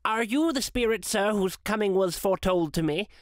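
A man's voice: high-pitched, normal speed, dry recording, clean studio sound, voice pushed up, close to an everyday voice. A man reading a storybook aloud and voicing Scrooge, an old miser, anxious and full of wonder. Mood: fearful.

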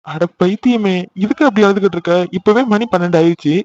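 Guy doing a caring cartoon big bro, talks fast and teasing. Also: sits high, a little mellow, natural voice. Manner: teasing then soothing, scolds playfully. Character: caring older brother, teasing and protective. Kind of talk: animated cartoon dialogue. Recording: slightly dull lo-fi audio.

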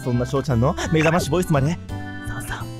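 A man hosting a comedy game show in an excitable, announcer-like way. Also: medium pitch, quick pace. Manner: excitable, announcer-like countdowns and shouts. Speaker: host. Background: music.

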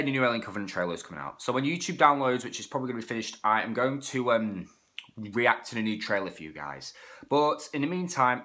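A man's voice: medium pitch, sharp tone. A man with a cold, rambling through a casual toy review, stumbling and correcting himself as he goes. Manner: rambling, self-correcting, stumbles over words. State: has a cold, sniffling.

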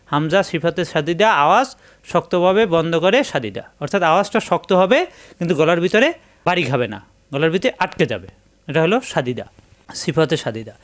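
A man with a Bangladeshi Bengali accent teaching Quran reading step by step, patiently repeating each syllable and rule. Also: a little high. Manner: patient, repetitive drilling of syllables.

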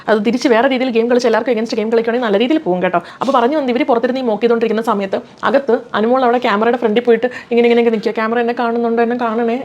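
Fast-talking chatty woman reviewer. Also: fairly high pitch. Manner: chatty, opinionated, frequent tag questions. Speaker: reality show reviewer. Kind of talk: casual commentary. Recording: slightly dull lo-fi sound.

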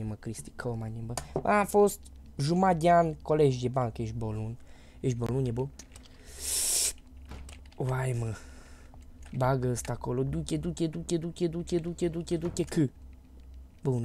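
A Romanian man streaming a horror game live, chatting casually and bursting into loud, panicky repeated shouts. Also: medium pitch, a little hiss or hum. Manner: panicky, loud outbursts and rapid repeated words. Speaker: gaming streamer.

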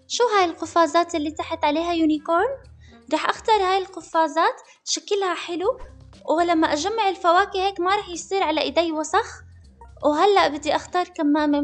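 A woman giving excitable, dramatic, playful commentary over her own gameplay. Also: very high-pitched, quick pace, soft background music. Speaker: gaming channel host.

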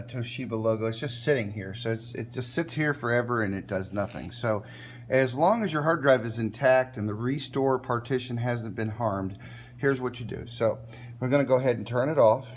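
A man's voice: medium pitch, slight background noise. Man walking through a laptop reset. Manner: relaxed, plain, repeats "okay?" to check in. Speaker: tech tutorial host. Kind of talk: step-by-step screen tutorial. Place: indoors at a workbench filming a laptop screen.

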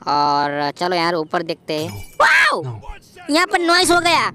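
A man voicing an excitable, jokey young male game hero in a playful gameplay voiceover, full of exclamations. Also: high-pitched, takes it slowly, soft background music, heavily acted. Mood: chatty. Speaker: gameplay commentator voicing a character.

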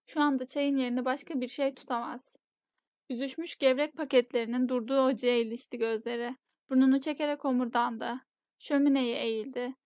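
A woman narrates a novel as an audiobook, telling the story in a steady, measured way. Her voice sits high, and the recording is dry and close with no room sound.

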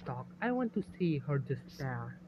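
A gloating, cruel young male villain, as a man reads him out, low and cold in tone. The line sounds tinny and phone-like, with a faint hum behind it. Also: big pitch swings, unhurried.

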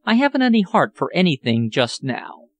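A man's voice: on the high side, big pitch swings, normal speed. A man voicing an anxious, refined English lady in an audiobook, speaking in an earnest, genteel, sorrowful way. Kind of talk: audiobook character voice.

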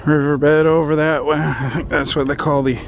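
A middle-aged man vlogs while out with his dogs on a desert trail, talking casually into a handheld camera at arm's length. He speaks in a slightly high, level tone at a moderate pace, and traffic can be heard in the distance outdoors.

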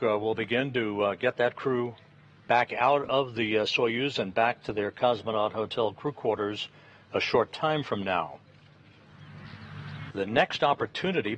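A man with a lowish voice delivers measured live launch commentary as a mission control announcer. He is deliberate and factual, with pauses as he goes. The audio is slightly dull. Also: a bit bright, husky. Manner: halting, deliberate, matter-of-fact. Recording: dull broadcast audio, faint noise.

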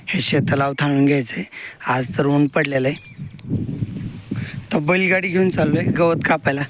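A man's voice: a little high, steady tone, normal speed. A man, talking casually while filming his farm on a phone and calling out to his animals. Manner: chatty, calls out to animals. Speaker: farmer vlogger. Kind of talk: casual farm vlog narration. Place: outdoors on a farm field. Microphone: phone held while filming. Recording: loud outdoor background noise.

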